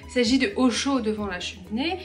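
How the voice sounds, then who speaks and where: Chatty young woman with a higher voice. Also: a little fast, soft background music. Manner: chatty, many fillers and restarts. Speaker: book vlogger. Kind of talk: casual book chat to camera.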